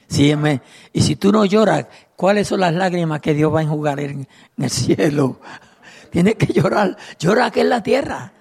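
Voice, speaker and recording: A man's voice: on the high side, lively intonation, normal speed, gravelly, a little mellow, breathy edge. A middle-aged man preaching a fervent sermon as pastor, reading scripture aloud and calling out praise to his congregation. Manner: reads scripture aloud and addresses the congregation directly.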